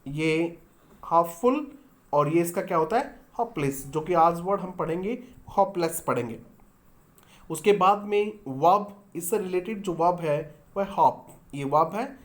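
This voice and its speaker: A woman's voice: lowish voice, lively intonation, unhurried. A woman teaching an online English lesson, explaining step by step and answering her own questions for her students. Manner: addresses viewers as students.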